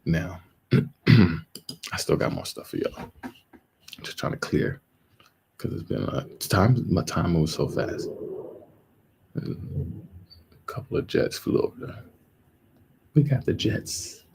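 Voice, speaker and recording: A man's voice: low voice, very animated, takes it slowly, creaky, long pauses, a little mellow, slight background noise, rough recording. A man hosting a live stream, talking in a loose, rambling, joking way that often breaks into laughs. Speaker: livestream host. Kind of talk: casual livestream commentary.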